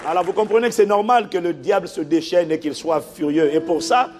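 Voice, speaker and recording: A man preaching a sermon as a pastor, telling a story in an animated way and acting out the people in it. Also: sits high, brisk, soft background music, a faint crowd. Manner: animated storytelling, acts out the people in his stories.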